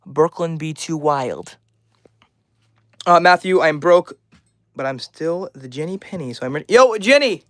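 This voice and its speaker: A man's voice: a little high, animated, unhurried, long pauses, no echo. A twenty-year-old man live streaming, reading out chat names and answering each message in a friendly, upbeat way. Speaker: livestreamer.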